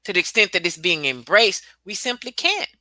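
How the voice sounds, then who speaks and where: A woman's voice: medium pitch, very animated, brisk, sharp tone, no echo. A woman speaking emphatically and bluntly in a casual discussion, repeating points and swearing for force.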